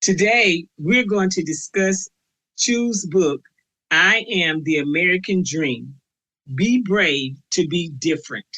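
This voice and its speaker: Female podcast host, encouraging prompts, frequent soft murmurs of assent. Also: sits low, poor audio. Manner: warm encouraging prompts, many soft "mm-hmm"s. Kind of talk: interview hosting.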